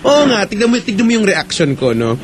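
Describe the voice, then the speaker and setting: A man's voice: high voice, very animated, a little fast, a little hiss or hum. A man hosting a radio call-in show, chatting casually and teasing the caller playfully. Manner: teasing, playful, bursts into crooning. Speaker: radio host. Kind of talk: late-night radio call-in chat.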